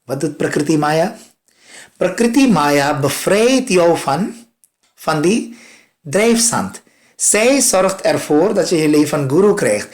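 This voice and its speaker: A man giving a spiritual discourse as a swami, telling a parable with emphatic rises and soft drops, sometimes repeating himself while he searches for words. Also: on the high side, slow pace. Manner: animated storytelling, rising emphatic peaks and soft drops.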